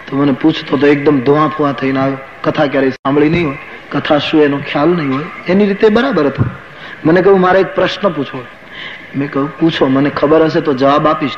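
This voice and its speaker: Man preaching a sermon, kinda high voice, dull old tape w/ faint hiss. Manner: storytelling with quoted asides.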